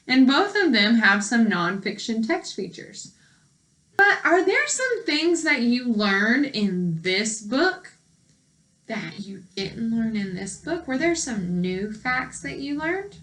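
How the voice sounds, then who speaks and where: A woman teacher with a bright, fairly high voice gives a read-aloud lesson to young children, taking her time with the words, adding commentary and asking her listeners questions in an instructive manner. The audio quality is poor.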